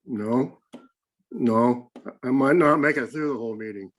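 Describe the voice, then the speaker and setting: A man of mid-range pitch taking part in a county commission meeting over a video call. He speaks bluntly and reads formal motions slowly and deliberately. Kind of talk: public meeting discussion. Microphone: remote video call.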